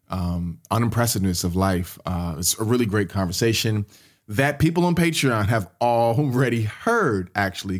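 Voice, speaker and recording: A man hosting a podcast, chatting casually and informally to his listeners. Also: low-pitched. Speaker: podcast host. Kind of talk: casual podcast outro chat.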